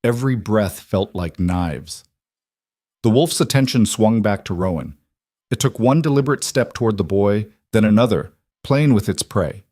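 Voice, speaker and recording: A man reading a dramatic fantasy story as scripted narration, in a measured, dramatic way. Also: lowish voice, lively intonation, dark tone, no echo, studio quality.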